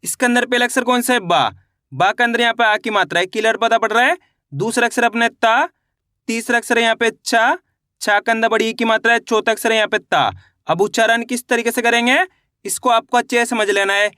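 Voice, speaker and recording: Male tutor, high bright voice, slow drawn-out spelling drills. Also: fairly even intonation, clean tone, dry recording, clean studio sound. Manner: slow, drawn-out syllable-by-syllable spelling with repeated checks. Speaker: Hindi reading teacher. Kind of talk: online reading lesson.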